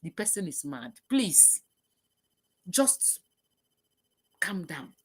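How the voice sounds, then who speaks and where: A woman's voice: fairly low pitch, big pitch swings, drawn-out words, slightly rough. A woman hosting a live talk show, reading out viewer comments and stressing points by repeating them. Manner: emphatic, repeats key phrases.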